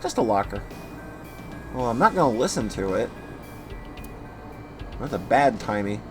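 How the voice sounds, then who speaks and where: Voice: medium pitch, very animated, unhurried. A game streamer giving casual, playful, joking commentary on a playthrough. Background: faint game music.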